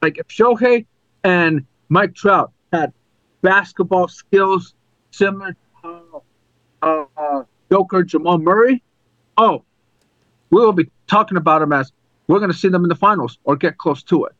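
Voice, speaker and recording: A man co-hosting a podcast, chatting casually about sports, halting and restarting his sentences often. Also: sits high, a bit bright, no room sound, muffled recording. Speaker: podcast co-host.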